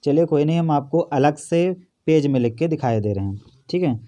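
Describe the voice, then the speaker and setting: A man with a fairly high but mellow, dark voice teaches an exam-prep grammar lesson. He poses each question to his students and then answers it himself, going through the examples one step at a time. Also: expressive, normal speed. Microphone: phone or camera over a notebook.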